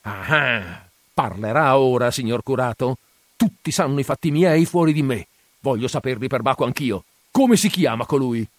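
A man reading aloud voices an angry, hot-tempered young peasant who makes forceful, insistent demands. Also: medium pitch, lively intonation, normal speed, no echo, close to an everyday voice. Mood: threatening.

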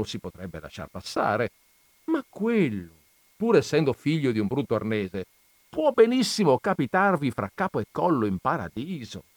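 A man's voice: medium pitch, dry recording, pitched above the performer's own voice. Man reading stubborn burly priest Don Camillo. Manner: pleading and arguing, wheedling protests. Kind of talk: dramatized audiobook reading.

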